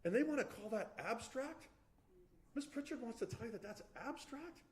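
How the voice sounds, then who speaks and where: A man's voice: extremely high pitch, expressive, normal speed, darkish tone, slight background noise. A man giving a courtroom closing argument as defense attorney, emphatic and pressing, often restarting his sentences as he turns to the jury. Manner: emphatic, addresses the jury repeatedly, frequent restarts.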